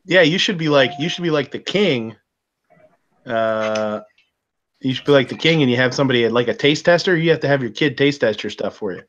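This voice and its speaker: A man's voice: medium pitch, animated, fairly quick, a bit bright, muffled recording, a little hiss or hum. A man co-hosting a casual livestream chat, laughing easily and rambling as he reads out comments. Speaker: livestream co-host reading chat.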